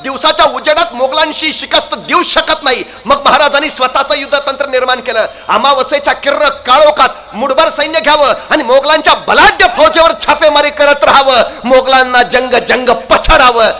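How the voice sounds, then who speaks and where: A woman telling a historical battle story with lively drama, building to shouted battle cries with playful asides. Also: high voice, moderate pace, few pauses.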